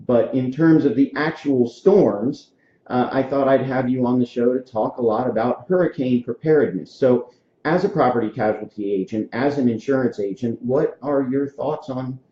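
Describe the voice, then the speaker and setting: A Florida man in his forties hosts a casual podcast interview, telling stories in a friendly way with frequent fillers. His voice is warm and medium-pitched at a moderate pace. The room is echoey and the sound dull and lo-fi.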